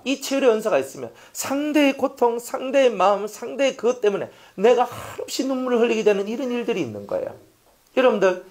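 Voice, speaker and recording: A man pastor preaching a sermon, emphatic and repetitive, asking the congregation rhetorical questions and dropping from loud appeals to near-whispers. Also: high voice.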